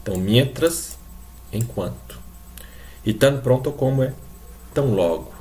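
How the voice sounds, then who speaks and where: A man's voice: mid-range voice, expressive, unhurried, warm tone. Patient Brazilian man teaching a class. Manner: explains patiently, repeats examples, checks in with students. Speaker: Spanish teacher. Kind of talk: recorded online class lecture.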